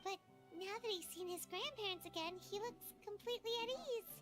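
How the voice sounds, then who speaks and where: A woman voicing a tiny, excitable female fairy companion in a video game, exclaiming as she talks. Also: very high-pitched, a little fast. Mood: relieved. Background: game music.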